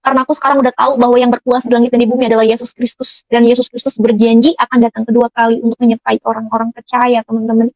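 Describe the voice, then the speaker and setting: A woman's voice: on the high side, flat delivery, racing, few pauses, darkish tone, no echo, lo-fi sound. A woman giving an emotional personal testimony, speaking earnestly to her listeners as friends, with many fillers.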